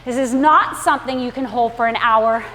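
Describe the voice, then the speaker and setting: A woman's voice: on the high side, moderate pace, fairly bright tone. A middle-aged woman coaching a live indoor workout while cycling hard, urging riders on in short, effortful phrases. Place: indoor room with large windows, on a stationary bike. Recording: echoey room, clear background noise.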